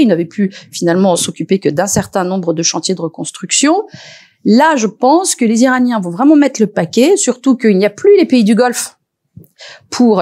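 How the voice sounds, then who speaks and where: Animated woman researcher explaining. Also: mid-range voice. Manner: lively, animated delivery with frequent hesitations and restarts. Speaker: researcher and lecturer. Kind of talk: expert talk at a panel discussion.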